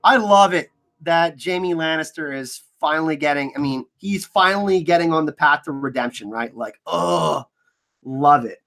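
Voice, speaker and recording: An eager fan dissects trailers for his channel in a laid-back commentary style, speaking at normal speed in a creaky voice on the high side. Allergies add a slight scratchiness.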